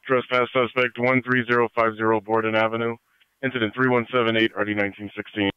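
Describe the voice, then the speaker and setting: A man working as a police dispatcher who reads out addresses and incident codes in clipped, flat bursts over a scanner radio crackling with static. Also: mid-range voice, fast talker, smooth, highs cut off. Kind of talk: radio dispatch call-outs.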